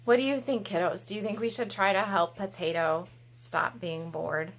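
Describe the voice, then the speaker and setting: At a normal pace and medium pitch, with fairly even intonation, a woman in her thirties hosts a children's library storytime. Recorded in a small room at home, she's playful, exaggerated and encouraging.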